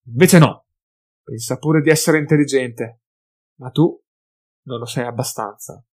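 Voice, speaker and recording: A sly mutant pack leader, voiced by a man in an audiobook, suspicious and sneering. He taunts with loud, heavy emphasis, leaning hard on every accusation. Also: medium pitch, unhurried, close to an everyday voice. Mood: taunting.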